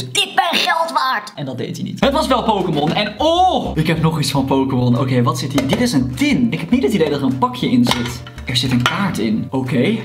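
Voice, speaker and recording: Excitable YouTuber over background music. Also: medium pitch. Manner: animated, exclaims loudly, sprinkles English words. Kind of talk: excited unboxing vlog.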